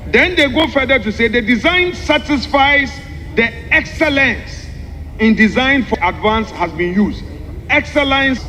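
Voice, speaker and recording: Male parliamentarian, very high bright voice, emphatic and deliberate formal address, echoing hall. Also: animated. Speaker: member of parliament. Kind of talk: formal parliamentary speech, explaining a document point by point. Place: large parliamentary chamber. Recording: echoey hall with long reverb, background noise.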